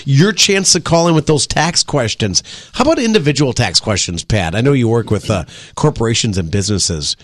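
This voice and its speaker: A man's voice: mid-range voice, expressive, fairly quick, no echo, clean studio sound. An American man hosting a casual live talk radio show.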